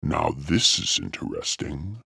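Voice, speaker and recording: A man voicing a tall, bat-like demon with a deep, distorted alien voice, calm and sinister. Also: vocal fry, breathy edge, no echo, clean studio sound, exaggerated voice. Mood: amused menace. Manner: slow, amused, menacing.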